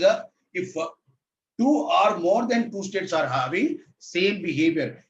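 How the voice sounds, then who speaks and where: A man with a high, slightly bright voice and a sore throat teaches an online lecture on state reduction, repeating each point, asking whether he can be heard, and saying "sir." His laptop mic makes the sound distant, echoey and dull, with a little hiss or hum.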